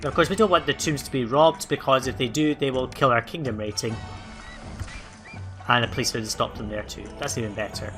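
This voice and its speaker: A man hosting a let's play, giving relaxed gameplay commentary and thinking aloud with plenty of ums and uhs. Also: mid-range voice, brisk, soft background music.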